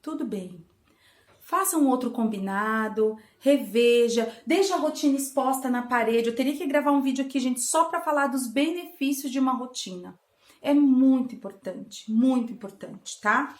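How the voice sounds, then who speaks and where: High-voiced woman in an echoey bedroom. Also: normal speed. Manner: warm, coaxing, acts out playful dialogue with a child. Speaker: channel host giving parenting tips. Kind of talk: casual home teaching talk. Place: children's bedroom at home.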